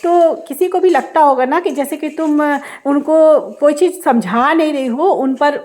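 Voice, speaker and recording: A woman in her thirties narrating a home vlog in voice-over. She speaks loudly and emphatically, in a raised, high-pitched voice that can sound like she is scolding. It is recorded without a proper mic. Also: unhurried. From India. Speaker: vlogger and housewife. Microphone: no external mic for voice-over.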